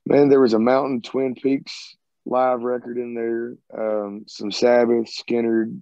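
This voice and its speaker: Speaking slowly and flatly in a mellow mid-range voice, this Southern-accented man in his thirties, singer and guitarist for a rock band, rambles laid-back through interview answers. He's on a video call with earbuds at home next to a sided wall, and the audio is muffled and dry without echo.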